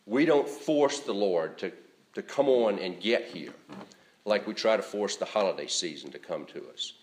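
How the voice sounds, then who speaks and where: A man preaching a sermon, speaking in a measured, conversational way with frequent fillers and restarts. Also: lowish voice. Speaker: pastor.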